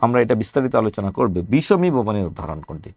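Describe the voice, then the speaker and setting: A man's voice: mid-range voice, very animated, fast talker, darkish tone, dry recording. A man with a Bangladeshi Bengali accent teaching an exam-prep lecture. He works through lists of past questions and asks rhetorical questions as he goes.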